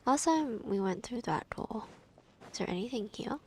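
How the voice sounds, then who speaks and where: A woman's voice: on the high side, lively intonation, moderate pace, a little mellow, a little hiss or hum. A young woman streamer reacting to a game, gushing and half-whispering as she reads along.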